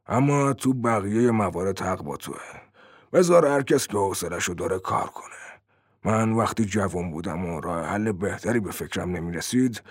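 A man voicing a rough, blunt male thief in an audiobook, gruff and plain-spoken, with a husky voice. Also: fairly low pitch, no echo, studio quality.

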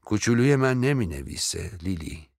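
A brisk, bossy hostess, voiced by a man reading the story. She talks in a practical, no-nonsense way. The voice is deep and dry. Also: animated, no echo. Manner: brisk, calls out loudly to the maid.

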